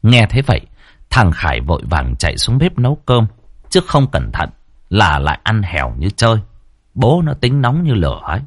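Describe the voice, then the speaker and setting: Husky, lively male ghost-story narrator. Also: low voice, no room sound, studio quality.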